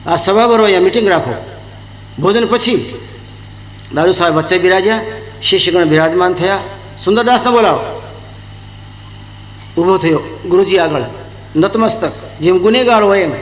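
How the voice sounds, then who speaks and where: A high-pitched man preaches a devotional sermon as a story, taking on the voices of the teacher and his pupils as he goes. His voice rings out in a long, echoey hall, with faint ambient noise behind him. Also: normal speed, pauses often. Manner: acts out dialogue of guru and disciples with shifting voices.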